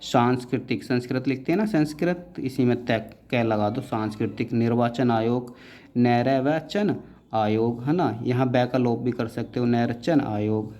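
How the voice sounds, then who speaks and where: Man slowly explaining shorthand outlines. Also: medium pitch, mellow. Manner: slow and deliberate, repeating each word as he writes; often adds the tag "है ना" and gives short instructions. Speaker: shorthand teacher. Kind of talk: dictation-style tutorial explaining outlines.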